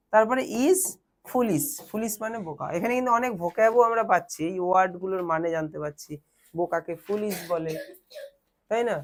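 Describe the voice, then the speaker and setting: Woman, young, patient tutor, asks and answers her own questions. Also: mid-range voice. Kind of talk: teaching Bengali to English translation to children.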